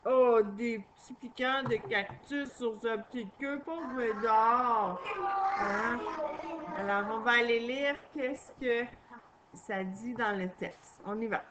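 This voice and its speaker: A woman's voice: a little high, background noise. A woman teacher, patiently taking young children through a reading lesson and spelling out sounds.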